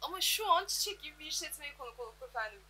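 A woman with a high, bright voice hosts a local TV interview. Her talk is formal and courteous, full of polite address. A faint hum runs behind her in the open workshop. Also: lively intonation, very fast, poor audio. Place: outdoor laundry workshop.

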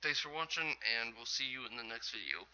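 A man's voice: medium pitch, expressive, brisk, pushed and bright, muffled recording. A man giving casual, rambling commentary over his own gameplay as host of a gaming channel, often correcting himself. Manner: rambling, chatty, self-correcting.

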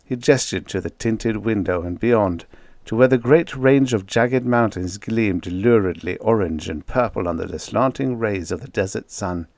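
A man reading a story aloud as audiobook narrator, steady and unhurried. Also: lowish voice, no room sound. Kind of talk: scripted narration.

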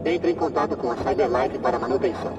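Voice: medium pitch, fast, over loud music, natural voice. An actor playing a damaged service android in a video game, speaking with formal, programmed politeness. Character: damaged service android reciting its greeting and malfunction warning. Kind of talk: scripted video game voice acting. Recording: heavy noise behind, game ambience.

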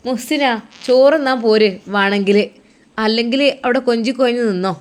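A sharp-tongued mother-in-law shouting up the stairs, loud and sarcastic, put on by a woman storyteller. Her voice rises, carrying a biting, scolding edge. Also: fairly high pitch, moderate pace, smooth, voice pushed up, natural voice. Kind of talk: storytelling role-play.

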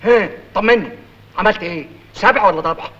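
A man playing an excitable, greying, middle-aged father-in-law with an Egyptian accent and a husky voice in a film comedy. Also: high-pitched, fairly quick. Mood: impatient. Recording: dull old film soundtrack.

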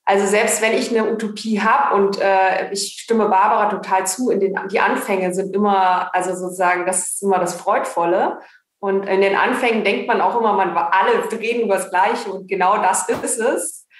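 A woman's voice: mid-range voice, fairly even intonation, normal speed, echoey room. A woman in a casual dinner-table discussion, talking enthusiastically and hedging with fillers. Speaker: panel participant.

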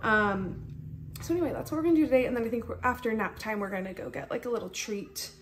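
Young woman, pregnant, casual vlog chat, phone mic, slightly high voice, light background hiss. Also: lively intonation, quick pace. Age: young adult. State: pregnant, tired from insomnia. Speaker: vlogger, stay-at-home mom. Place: large bright home kitchen and living room, indoors. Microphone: phone held at arm's length.

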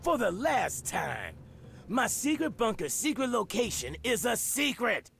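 An actor playing a paranoid, irritable store owner in a comedy video game, agitated and exasperated. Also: male voice, very high-pitched, sing-song, a little slow, gravelly, a bit bright, a little hiss or hum, full character voice. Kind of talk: animated comedy adventure game dialogue. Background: music.

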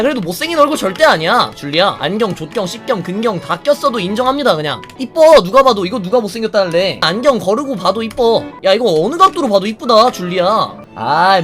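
A man streaming a fighting game, bantering crudely with lots of swearing, teasing and mock outrage, and answering viewer comments out loud. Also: sits high. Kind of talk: casual gaming stream commentary.

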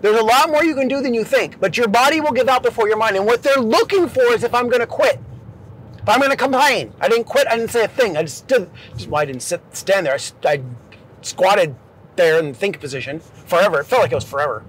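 Brief: high-pitched man, casual storyteller, animated, acts out quotes with big swings. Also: fast, low-quality recording. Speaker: former Navy boat crewman.

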